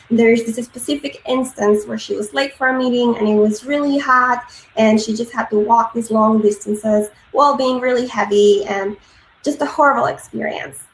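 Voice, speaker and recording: Woman, thirties, grew up in Peru; earnest conference speaker, filler-heavy, roomy echo on the recording. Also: on the high side. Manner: frequent ums and uhs, earnest. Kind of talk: presentation talk. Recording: echoey room with faint noise.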